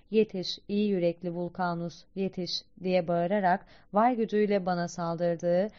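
A proud, scornful giant king, as a woman narrator voices him hurls his defiance loudly at the gods. The voice stays smooth and resonant. The recording is a bit muffled and lo-fi. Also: lowish voice, lightly acted. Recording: slightly dull lo-fi recording.

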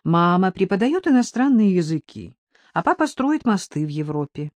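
A woman's voice: on the low side, big pitch swings, normal speed, darkish tone, dry recording. A woman voicing a middle-aged male writer who grumbles and teases his sister. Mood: calm. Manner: grumbling, teasing.

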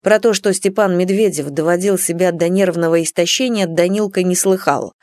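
A woman narrating an audiobook in a measured, dramatic storytelling manner. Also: on the low side, a little mellow, no echo, studio quality.

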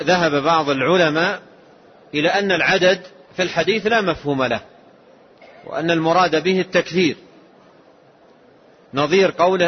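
Husky man teaching a slow religious lesson. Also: on the high side. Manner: slow, measured, explanatory. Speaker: Islamic scholar. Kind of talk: religious lesson explaining a text. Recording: dull lo-fi lesson tape.

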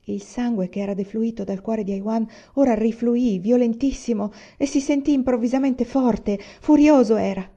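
A woman narrating a novel aloud in a measured, expressive reading. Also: on the high side, highs cut off. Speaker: reader of audiobooks. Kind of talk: audiobook narration.

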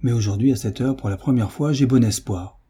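A man reading aloud as a devoted gentleman, speaking with calm, earnest reassurance. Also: medium pitch, fairly quick, husky.

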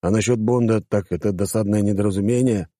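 A man's voice: fairly low pitch, fast, dark tone, no echo, clean studio sound, close to an everyday voice. A man voicing a joking, defensive male friend in an audiobook, talking in banter and excuses. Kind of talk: audiobook character voice.

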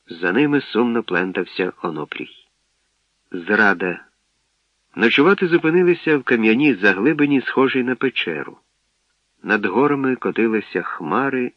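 Low calm guy reading a story out loud, super dry muffled sound. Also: no room sound. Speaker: narrator. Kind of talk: audiobook narration.

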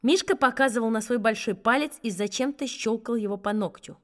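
High-voiced woman reading a children's story. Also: fairly quick. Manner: lively, expressive first-person telling. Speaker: story reader.

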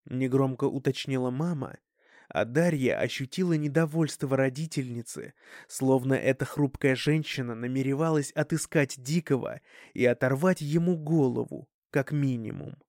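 A man narrating an audiobook in an even, steady reading voice on a close microphone. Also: medium pitch, moderate pace, no room sound. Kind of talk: scripted narration.

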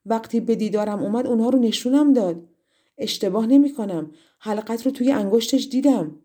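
A woman's voice: mid-range voice, fairly even intonation, dark tone, natural voice. A woman narrator voicing a young princess held captive in a fairy tale, grieving and spirited, exclaiming with feeling. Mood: accusing.

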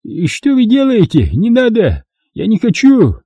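A man's voice: sits high, huge pitch swings, a little fast, dark tone, no echo, voice pushed up, heavily acted. A man voicing a terrified middle-aged male dealer who babbles and pleads for his life in an audiobook. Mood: pleading. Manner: pleading, babbling, near tears. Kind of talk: audiobook reading.

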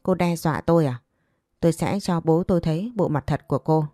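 A woman's voice: low voice, fairly quick, warm tone, no echo, clean studio sound, soft background music, lightly acted. A woman voicing a spiteful, scheming young woman who taunts and whines, in a narrated audio story. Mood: taunting. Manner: taunting, whiny.

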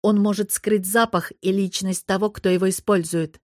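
A woman's voice: medium pitch, steady tone, normal speed, a little mellow, dry recording, natural voice. Lady doing a bossy witch rector from an audiobook, curt and cold, dry sound. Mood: explaining. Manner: imperious, curt. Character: stern commanding woman rector and witch. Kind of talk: audiobook character voice.

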